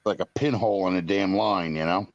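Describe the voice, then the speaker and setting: A man's voice: low-pitched, a little fast, dry recording, lo-fi sound. A man in his fifties chatting casually on a live stream, talking in a rambling, blunt way with some mild cursing. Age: 50s.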